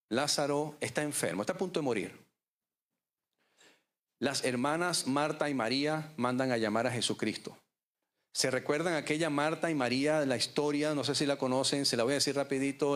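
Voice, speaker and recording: A male pastor preaches with measured, dramatic pauses. His voice sits at a middle pitch. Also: a bit bright. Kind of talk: sermon.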